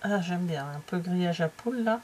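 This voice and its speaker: A woman's voice: lowish voice, lively intonation, moderate pace, a little mellow, slight background noise. Chatty, hesitant French woman. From France. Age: middle-aged. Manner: chatty and hesitant, many fillers and trailing asides, drops to near-whispers. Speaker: craft vlogger flipping through a stamping catalogue. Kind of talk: casual chat.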